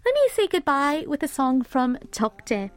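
A woman's voice: high-pitched, very animated, unhurried, no echo, clean studio sound. A woman hosting a radio music show, chatting casually and agreeing often with her guest. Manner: agreeable, lots of short affirmations.

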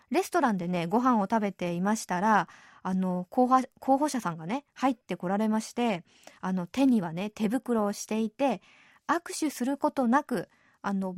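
A woman hosting a radio program in a chatty, easygoing way, often adding soft tag particles as she explains things. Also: medium pitch, no room sound, studio quality. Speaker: radio show host. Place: radio studio.

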